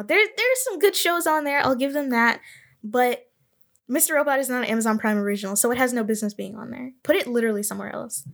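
A woman's voice: on the high side, a bit bright. Chatty woman co-host, rambling opinions. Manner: rambling, self-correcting, vibes-based opinions. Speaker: podcast co-host. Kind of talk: casual chat.

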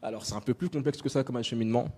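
A man's voice: medium pitch, rapid-fire, a little mellow, breathy edge. A young adult man from France giving a personal talk to an audience, direct and chatty with many fillers. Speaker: invited speaker. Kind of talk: conference talk on stage.

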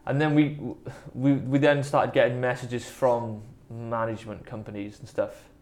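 As an interview guest, this band musician and producer from the South Wales Valleys spins a casual, meandering anecdote, modest about himself, in a Welsh Valleys accent. His mid-range voice stays level and a little mellow at normal speed.

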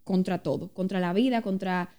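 A woman's voice: lowish voice, steady tone, normal speed, mellow, clean tone. A woman co-hosting a podcast, reflecting on faith, asking questions and sharing personal experiences. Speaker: podcast co-host. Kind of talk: casual faith talk.

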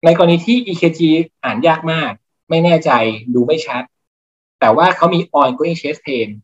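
A man, a cardiologist guest, explaining practical clinical points in a measured lecturing way. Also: a little high, muffled recording. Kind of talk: teaching clinical points in a podcast interview.

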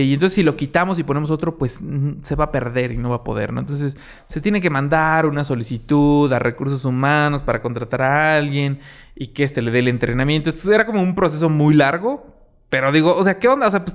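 A young man with a Mexican accent hosting a podcast, telling a story in a casual way and acting out what people said. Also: on the high side. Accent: Mexican Spanish. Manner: animated, acts out quoted exchanges, many fillers. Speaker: podcast host.

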